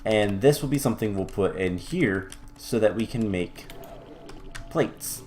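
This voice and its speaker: A man's voice: fairly low pitch, lively intonation, a little slow, darkish tone, faint music behind. A man hosting a game let's-play who explains his building as he goes, thinking aloud with fillers and restarts and the odd wry aside. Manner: mildly wry, self-correcting. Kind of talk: casual gameplay commentary.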